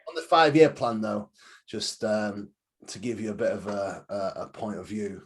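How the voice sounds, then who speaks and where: A man's voice: on the low side, normal speed, breathy edge. A man in his twenties, a guest on a podcast, talking casually and repeating phrases for emphasis. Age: 20s. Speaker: podcast guest and bodybuilding coach.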